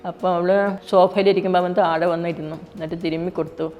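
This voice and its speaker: Fast-talking middle-aged mother, echoey. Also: on the low side, flat delivery. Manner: quick, plain speech with frequent restarts. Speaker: mother giving a faith testimony. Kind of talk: personal storytelling. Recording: dull, reverberant, with soft music behind.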